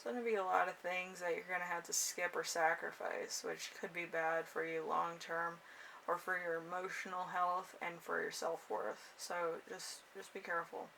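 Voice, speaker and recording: A woman's voice: lowish voice, level tone, moderate pace, creaky, pushed and bright. A woman giving a casual, improvised tarot horoscope reading, rambling and hesitant as she goes. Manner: rambling and hesitant, trailing off with frequent chuckles. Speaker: tarot card reader and channel host. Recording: noisy room, distant microphone.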